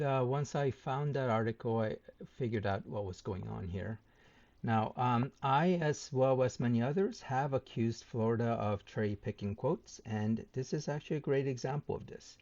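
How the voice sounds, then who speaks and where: A man hosting his own channel, rebutting a debate opponent point by point in a measured way, with frequent ums and uhs. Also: medium pitch, darkish tone, muffled recording. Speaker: channel host responding to a debate.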